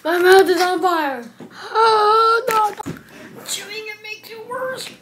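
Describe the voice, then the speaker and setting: A woman's voice: very high-pitched, slow pace, heavy background noise. A woman yelping in panic while talking with candy in her mouth, overwhelmed by spicy candy in a casual taste-test vlog. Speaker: vlogger.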